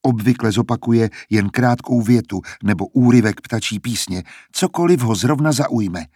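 A man's voice: medium pitch, darkish tone, breathy edge, dry recording, studio quality, natural voice. A man voicing an older female scientist who explains her birds with fondness. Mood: explaining.

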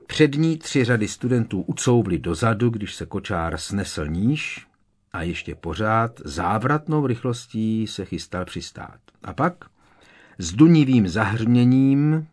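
A man reads a storybook aloud as narrator. His delivery is measured and expressive. The voice sits fairly low. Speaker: audiobook narrator. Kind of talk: scripted narration.

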